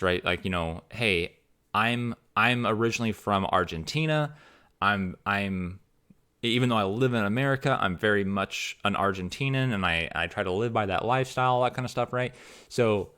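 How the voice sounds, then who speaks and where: Low voiced dude reacting live on stream, rambly, lots of "right?". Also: male voice, a bit bright, clean tone. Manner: rambling, repeats words, asks "right?". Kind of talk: casual live-stream commentary.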